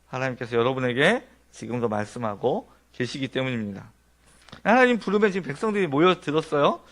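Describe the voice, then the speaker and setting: A man's voice: medium pitch, animated, brisk, fairly bright tone. A man preaching a Sunday sermon in a church, explaining his points one by one in an earnest, conversational tone and asking the congregation rhetorical questions. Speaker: pastor. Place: church sanctuary.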